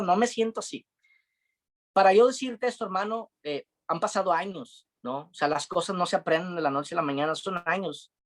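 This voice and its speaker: Earnest man giving testimony. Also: on the high side. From Mexico. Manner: earnest, confiding, with many fillers. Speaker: preacher. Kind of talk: devotional testimony.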